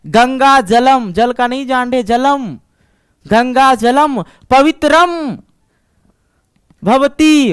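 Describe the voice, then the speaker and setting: Man, teacher, high voice, slow, patient, reassuring, dry close recording. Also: fairly bright tone, clean tone, no room sound. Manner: patient, reassuring, repeats words slowly. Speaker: Sanskrit teacher. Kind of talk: online exam-prep lesson.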